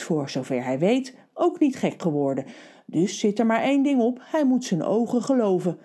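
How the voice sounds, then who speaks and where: A woman reading a children's story aloud in a steady, expressive narration. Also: medium pitch.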